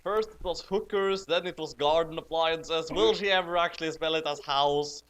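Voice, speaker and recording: A host reads a fan fiction story aloud at a normal speed, adding amused, incredulous, mocking commentary and laughing over the text. His voice is fairly high and a bit bright.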